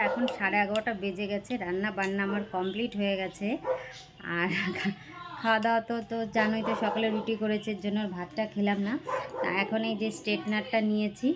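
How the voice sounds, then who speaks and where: Hoarse middle-aged woman, chatty voice-over. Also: medium pitch, noisy background. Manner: chatty, addresses viewers as friends. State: hoarse from a cold. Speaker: vlogger. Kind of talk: voice-over narration of a daily vlog.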